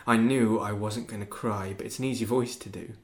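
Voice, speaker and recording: A young man playing a bitter teenage boy accused of killing his father, talking in a sullen, cold and detached way that flares into shouts. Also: fairly low pitch, fairly even intonation, a little fast, lightly acted. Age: young adult. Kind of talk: stage drama acting.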